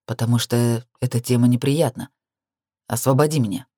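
Woman doing a possessive young man, low voice, firm, insistent, mellow dark tone, dry close sound. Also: normal speed, slightly rough, dry recording.

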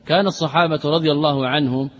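A man's voice: a little high, steady tone, fast, a bit bright, slightly rough. A man, a religious scholar, gives a lesson explaining a classical creed text term by term, often repeating phrases and answering his own questions. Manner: poses rhetorical questions and answers them himself. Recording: dull audio with long reverb.

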